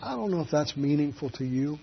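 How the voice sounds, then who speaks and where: A man preaching a sermon as a pastor, telling folksy stories and swinging from quiet asides to loud, emphatic peaks. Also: fairly high pitch, animated, a little fast, gravelly, lo-fi sound, a little hiss or hum. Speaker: Baptist pastor.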